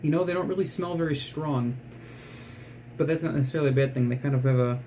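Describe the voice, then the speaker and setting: A man giving a casual food review in a low-key, rambling, dryly joking way. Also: fast talker, warm tone, a little hiss or hum, rough recording. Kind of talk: casual product review vlog.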